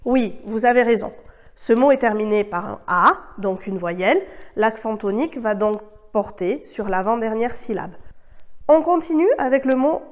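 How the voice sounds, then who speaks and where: A woman whose first language is French, giving a scripted online Spanish lesson in a clear, measured way and modeling the words. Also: fairly high pitch, lively intonation. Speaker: Spanish teacher.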